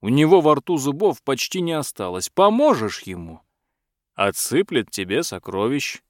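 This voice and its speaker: A man's voice: medium pitch, big pitch swings, moderate pace, dry recording, clean studio sound, lightly acted. A man voicing a sly, coaxing male dragon in a fairy tale.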